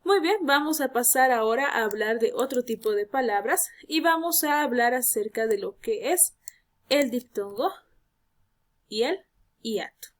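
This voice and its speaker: A woman's voice: on the high side, animated, moderate pace. A woman teacher, giving a recorded grammar lesson, explaining patiently, repeating key points and speaking to her students with rhetorical questions.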